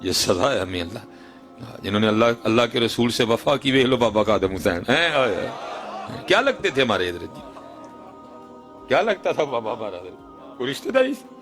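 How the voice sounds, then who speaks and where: A man in his thirties with a Punjabi accent, preaching an emotional sermon and telling stories, with loud outbursts and hushed lines in turn. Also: lowish voice, big pitch swings, soft background music.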